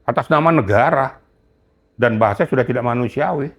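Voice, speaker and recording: A man's voice: medium pitch, fairly quick. An older man, a retired general, speaking in an interview with indignant, scolding emphasis. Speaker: retired police general, guest. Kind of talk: heated interview talk.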